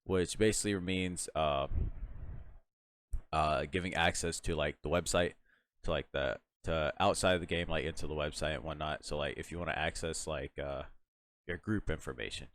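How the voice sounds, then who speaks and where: A young man with a very deep, low voice walks through a software tutorial in a loose, rambling way. He fills his talk with "uh" and "like", restarts his sentences and yawns now and then. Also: steady tone, a little fast. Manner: rambling, lots of fillers and restarts, yawning. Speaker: tutorial host. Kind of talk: casual screen-recorded software tutorial.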